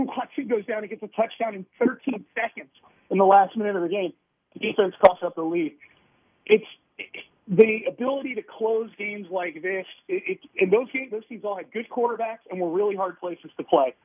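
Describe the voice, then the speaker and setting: High husky man over a tinny phone. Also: no room sound. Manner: emphatic, piles up examples. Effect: heard over a phone line. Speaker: sports radio host calling in as guest. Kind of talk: sports analysis chat. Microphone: telephone.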